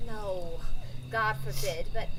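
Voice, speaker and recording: A woman's voice: medium pitch, takes it slowly, background noise, lightly acted. A woman playing a demure young wife, coy in a live outdoor Shakespeare performance. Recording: live stage audience.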